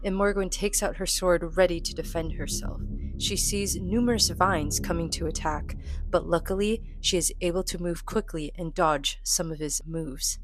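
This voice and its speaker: A woman's voice: on the low side, fairly even intonation, normal speed, low-quality recording. A woman hosting a solo tabletop role-playing game, narrating the story and commenting casually. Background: soft music.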